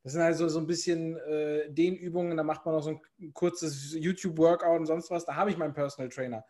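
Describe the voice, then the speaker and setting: A man's voice: a little high, fairly even intonation, fairly quick, darkish tone. Rambling man in casual chat. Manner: rambling, many fillers and restarts.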